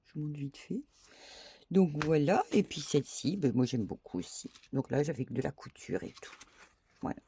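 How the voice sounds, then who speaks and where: A woman's voice: sits low, big pitch swings, moderate pace, warm tone, slight background noise. A woman craft vlogger chatting casually to her viewers, thinking aloud and dotting her talk with little "hop" and "voilà".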